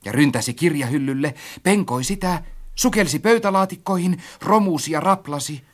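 A man narrating a story as an audiobook, reading expressively and acting out his own quoted lines. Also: on the high side.

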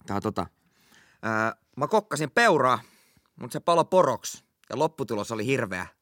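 A young man co-hosting a podcast, chatting casually and delivering crude bad jokes with deadpan punchlines. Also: medium pitch, dry recording, studio quality. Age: young adult. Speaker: podcast co-host.

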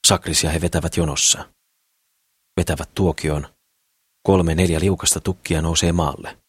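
A man reading an audiobook novel in calm, steady scripted narration. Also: sits low, husky, no echo, clean studio sound.

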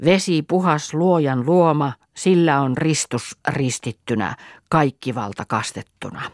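A woman's voice: deep voice, no echo, natural voice. Woman reader voicing a stern old healer crone, incantatory and commanding, dry close sound, storybook audiobook. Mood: stern chanting.

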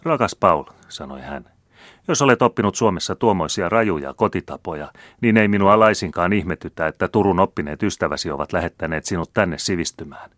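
A male audiobook reader voicing a suave aristocratic count who speaks with smooth, condescending irony. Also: low-pitched, expressive, fairly bright tone, dry recording, clean studio sound. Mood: coolly mocking. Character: suave aristocratic count, coolly mocking diplomat.

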